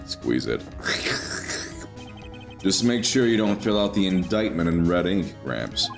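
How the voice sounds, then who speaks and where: A man voicing a smug, brooding male prosecutor in a low gravelly voice, for a game playthrough. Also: big pitch swings, a little slow, soft background music, exaggerated voice.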